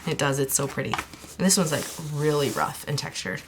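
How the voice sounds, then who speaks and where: A young woman chatting casually in a vlog, gushing and chatty, with soft whispered asides. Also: low voice, a little fast, background noise. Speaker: crafting vlogger.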